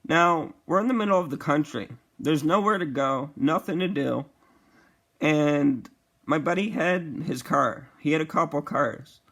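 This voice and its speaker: A young man casually telling a profane storytime vlog, animated and acting out the quotes. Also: a little high, measured pace. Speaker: vlogger.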